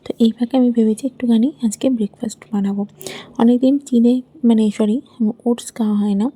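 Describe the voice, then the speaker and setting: Speaking in a steady, warm, slightly rough voice pitched a little high, a young mom of two little girls narrates a casual vlog at home. There's no room sound. She drifts from bedroom to kitchen, chatting loosely and filling gaps with "I mean" and other fillers.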